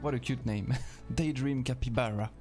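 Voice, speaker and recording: A man's voice: mid-range voice, moderate pace, music in the background. A man with a French accent, a native French speaker, chatting casually on a live stream while playing a game and answering his chat.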